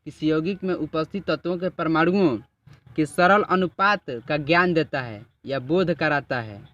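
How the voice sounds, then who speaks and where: Casting: male chemistry teacher, slightly high voice, drawn-out explanations, dull lo-fi recording. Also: fairly bright tone. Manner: drawn-out explanatory, repeats and checks "ठीक है". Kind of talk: classroom lesson with a student.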